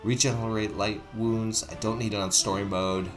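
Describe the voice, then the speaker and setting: A man's voice: lowish voice, level tone, normal speed. A man hosting a casual game playthrough, thinking aloud in a rambling way over music. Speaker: gaming video host.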